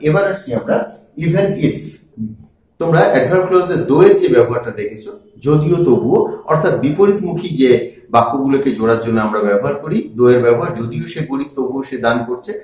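A man with a rather high, lively voice teaches a grammar lesson. He explains step by step and says each example sentence twice. The sound is heavily echoey, as if recorded in a bare room. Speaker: English teacher.

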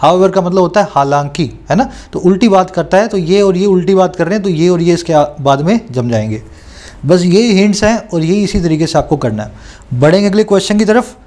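A man coaching students through an exam paper, reading English questions out slowly and explaining them, often checking that they follow. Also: high-pitched, expressive, darkish tone. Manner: reads English questions aloud slowly, then explains in Hindi.

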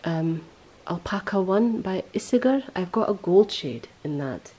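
A woman hosting a podcast in casual chat, rambling and correcting herself as she goes, her voice a little hoarse. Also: lowish voice, lively intonation, measured pace, dark tone, rough recording. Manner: chatty, rambling, self-correcting. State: voice going hoarse. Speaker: podcast host.

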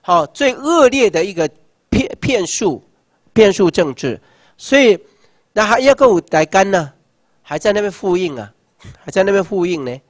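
A Taiwanese man in his sixties gives a rousing political lecture. He asks rhetorical questions and shouts slogans. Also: high voice, sing-song, moderate pace, long pauses, no room sound, studio quality. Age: 60s. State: numb hands and feet. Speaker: seminar lecturer.

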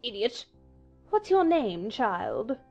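A woman's voice: fairly high pitch, big pitch swings, slow pace, lo-fi sound, faint music behind, heavily acted. A woman playing an imperious, hot-tempered queen who barks commands in a storybook audio drama. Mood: haughty. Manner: shouting, commanding, abrupt.

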